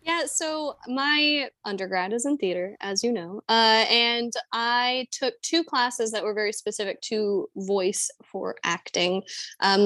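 Young woman, actor, casual fillers, mid-pitched, dry recording. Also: fairly bright tone, dry recording. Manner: chatty, many fillers like "um" and "like". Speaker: actor and guest. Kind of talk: casual interview chat.

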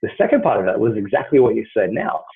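A man's voice: lowish voice, sing-song, fast talker, breathy edge. A man hosting a casual conversation, earnest and full of fillers and hedges. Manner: earnest, hedging with many fillers. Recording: tinny phone-like line.

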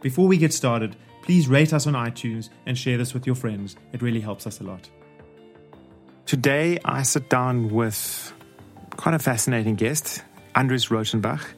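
A man speaking informally and a little haltingly as a podcast host and interviewer. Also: medium pitch, soft background music. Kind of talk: casual podcast talk. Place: podcast studio.

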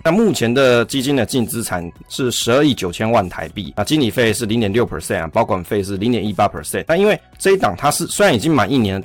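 Taiwanese mandarin guy doing a finance explainer podcast, fast talker, lowish voice, chatty phrasing. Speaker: podcast host.

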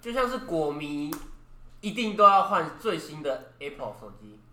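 A man's voice: fairly high pitch, sing-song, moderate pace, echoey room, crowd noise. A man co-hosting a casual podcast, dropping joking one-liners. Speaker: podcast co-host. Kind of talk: casual chat.

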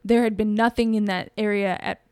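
A woman's voice: medium pitch, fairly even intonation, fairly quick, a little mellow, clear, resonant tone, dry recording, clean studio sound. A woman co-hosting a podcast, telling a story in a rambling, chatty way and often correcting herself. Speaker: podcast co-host. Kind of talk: casual storytelling chat.

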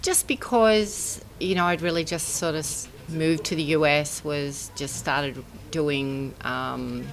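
A woman's voice: low voice, steady tone, slow pace, hardly any pauses, slight background noise. A mature woman, reminiscing casually in an interview as a former athlete. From Brisbane, Australia. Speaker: former professional triathlete, interviewee.

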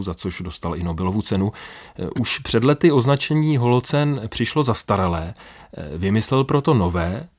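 A man with a fairly low voice conducts a radio interview. He asks formal, carefully composed questions in an even, polite manner.

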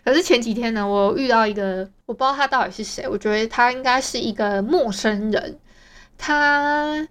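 A woman's voice: fairly high pitch, moderate pace, a bit bright, clean tone. A young woman with a Taiwanese Mandarin accent, chatting casually as host of her audio diary podcast. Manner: chatty, rambling storytelling.

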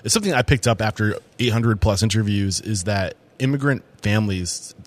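A man from New Hampshire hosts a relaxed interview podcast. His voice sits fairly low. He talks in an upbeat, chatty way, full of fillers and self-corrections. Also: brisk. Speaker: podcast host. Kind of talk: casual interview.

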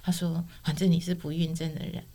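Lively middle-aged woman. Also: low-pitched, a little fast. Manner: expressive storyteller, acts out quoted dialogue. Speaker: guest sharing a testimony. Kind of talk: personal testimony storytelling.

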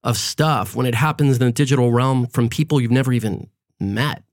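A man's voice: medium pitch, fairly quick, no room sound, studio quality. A man in his forties, raised in Florida, talking reflectively in a casual podcast conversation, often checking in with "right?" and "you know". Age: 40s.

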